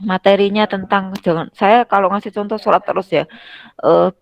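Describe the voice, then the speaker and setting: A woman's voice: mid-range voice, steady tone, moderate pace, vocal fry, no echo, dull audio. A middle-aged woman lecturing on teaching skills in a conversational way, acting out classroom examples with changing intonation. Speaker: university lecturer.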